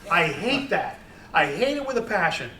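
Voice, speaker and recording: A middle-aged man speaks to a live audience about his work, rambling and full of fillers. His voice sits a little high. The recording is distant and roomy with faint hiss. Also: big pitch swings, moderate pace, pushed and bright. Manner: rambling, with many fillers and restarts. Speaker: sports photographer giving a talk. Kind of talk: casual talk to an audience. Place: room with an audience.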